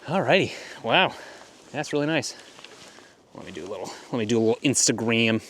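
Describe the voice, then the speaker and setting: A man's voice: medium pitch, expressive, brisk, a bit bright. A man doing a casual walk-and-talk photography vlog out in the cold by a frozen lake, thinking aloud in easygoing muttered asides. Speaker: photography vlogger. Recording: noisy outdoor wind and ambience. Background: clear outdoor ambient noise.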